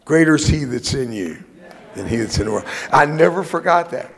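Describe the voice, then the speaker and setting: In a church sanctuary with a long reverb tail, an older man whose first language was Spanish delivers a folksy sermon as a guest preacher. His mid-range voice is creaky, fairly quick and lively in intonation as he tells humorous personal stories and preaches emphatically.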